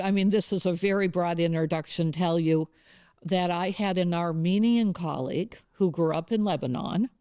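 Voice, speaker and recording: A woman's voice: fairly low pitch, dark tone, clear, resonant tone, no echo, studio quality. Rambling woman professor hosting an interview. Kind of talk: conversational interview. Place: campus studio.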